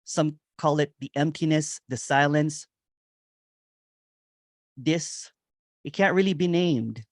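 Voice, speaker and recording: A man giving a meditative spiritual reflection on nonduality, repeating phrases and chuckling softly now and then. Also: on the high side, slow pace, no echo, studio quality. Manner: meditative, repetitive, with soft chuckles. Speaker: nonduality speaker. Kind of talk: slow spoken spiritual reflection.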